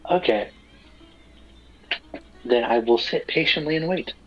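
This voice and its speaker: A man's voice: mid-range voice, lively intonation, unhurried, fairly bright tone, husky, soft background music. Man playing a tabletop game, slightly muffled. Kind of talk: casual in-game talk.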